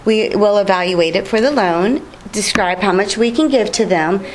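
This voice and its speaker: A woman's voice: mid-range voice, normal speed, a little hiss or hum, rough recording. A woman business owner being interviewed on TV, telling her story in a friendly, chatty way with fillers. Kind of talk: casual TV interview.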